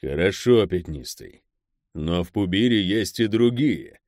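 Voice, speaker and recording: A man voicing an old, stern crime boss who speaks slowly and curtly, grumbling his orders. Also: deep voice, lively intonation, darkish tone, no echo, studio quality. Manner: slow, curt, grumbling.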